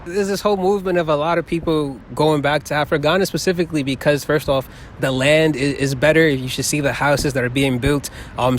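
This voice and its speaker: Chatting animatedly in a street interview at an outdoor plaza in a city park, this young Bronx native has a medium-pitched voice. He tells stories with lots of laughter while a handheld phone records him, faint city sounds in the background.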